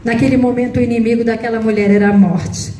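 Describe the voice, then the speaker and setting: A woman's voice: flat delivery, quick pace, mellow. A woman missionary preaching a sermon and telling a personal testimony with emotional, dramatic delivery. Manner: emotional, dramatic retelling, voice rising high at climaxes. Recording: echoey room, faint noise.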